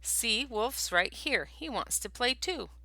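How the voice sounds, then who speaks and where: A woman's voice: fairly high pitch, lively intonation, slow pace, no echo, voice pushed up, full character voice. A woman doing a snarling bobcat. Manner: snarling and loud. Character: sly snarling male bobcat.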